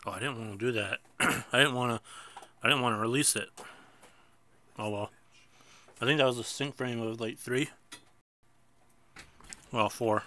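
Chatting casually through a mobile bowling game, a gameplay host with a stuffy nose mocks himself and lets out sudden outbursts at his misses. He talks at a moderate pace with long pauses, and his mid-range voice sounds pushed and bright.

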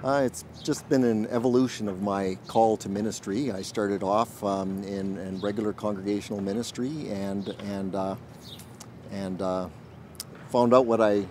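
Brief: male chaplain in his forties, thoughtful and searching for words, low and warm, outdoor interview. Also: fairly even intonation, slight background noise. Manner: earnest, thoughtful, pauses often to find words. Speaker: military chaplain and minister. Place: outdoors in a garden.

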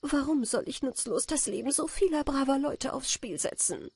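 A woman's voice: high voice, lively intonation, moderate pace, gravelly, a little mellow, dry recording, pitched above the performer's own voice. A woman voicing a pale noble countess who speaks in a pleading, resigned way.

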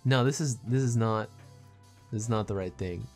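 A man's voice: lowish voice, moderate pace, a little mellow, faint music behind. A man co-hosting a casual commentary video, reading online posts aloud and adding dry, joking remarks. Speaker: co-host guest.

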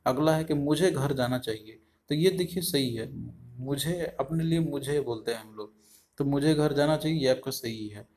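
A man's voice: medium pitch, normal speed, darkish tone. A man giving an online exam-prep lesson, reading each answer option aloud and explaining it in a repetitive, explanatory way. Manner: explanatory, repeats each option aloud, frequent fillers like "aapka". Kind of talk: online lesson walking through exam questions.

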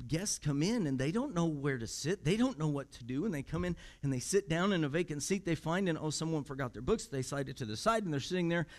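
Storytelling Midwestern pastor, higher voice. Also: male voice. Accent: Midwestern American. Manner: conversational, acts out quoted voices, repeats words when starting. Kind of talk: sermon with storytelling. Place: church sanctuary.

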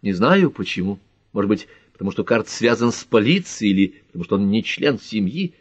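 A man's voice: lowish voice, big pitch swings, a little fast, slightly rough, no room sound, lo-fi sound. A man voicing an anxious, tearful young woman in an audiobook, speaking in a pleading, emotional way. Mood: tender.

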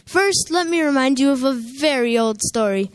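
A young woman playing Jesus in a church play, speaking calmly and reassuringly in recited lines. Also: high-pitched, normal speed. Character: Jesus, calm gentle male savior.

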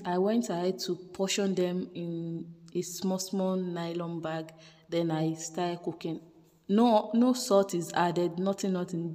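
A woman's voice: on the low side, dark tone, in a large hall. A woman chatting through a home cooking vlog voice-over, repeating words for emphasis. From Nigeria. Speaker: cooking vlogger. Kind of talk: casual voice-over narration.

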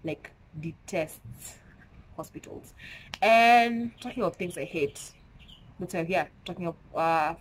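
Young Kenyan woman vlogger, low-voiced, stuffy-nosed, emphatic and chatty. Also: takes it slowly, breathy edge, rough recording. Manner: chatty, mixing in Swahili slang, emphatic. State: stuffy nose from a cold. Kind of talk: casual chat to camera. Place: at home.

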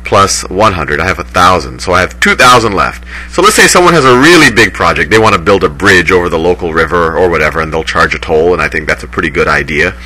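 Lecturer man in low-quality streamed audio. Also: animated, fast talker, few pauses, bright, forceful tone. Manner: explains step by step, restarts and self-corrects. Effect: poor-quality sound, like a low-grade stream. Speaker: teacher explaining banking. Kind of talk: recorded lecture, thinking aloud.

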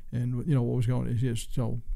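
A man's voice: medium pitch, completely flat delivery, a little fast, creaky, warm tone. A man in his sixties from Long Island, New York, a former race car driver telling rambling stories as a guest and acting out the voices he quotes. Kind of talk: casual storytelling interview.

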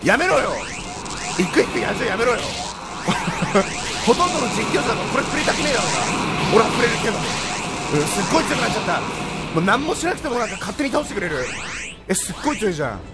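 A man commentating a video game in an excitable, loud, teasing way. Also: high-pitched, quick pace. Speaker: let's play commentator. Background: loud game music.

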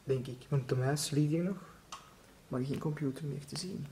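A man with a Flemish accent narrating an exploration vlog through an abandoned factory, talking in a hushed voice that often drops to a whisper. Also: on the high side, moderate pace. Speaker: urban explorer vlogger. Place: abandoned factory, large empty halls indoors. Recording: noisy handheld camera audio.

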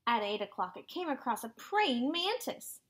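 Woman, teacher, children's story time, high voice, very lively melody, sing-song, whispers at times. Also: normal speed, a little hiss or hum.

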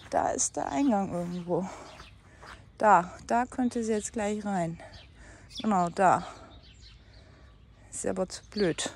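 A woman's voice: medium pitch, slow pace, long pauses, slight background noise. A German woman vlogging casually from her rural home, chatting with many fillers and sometimes dropping to a whisper. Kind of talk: casual vlog monologue. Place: rural house and yard in the country.

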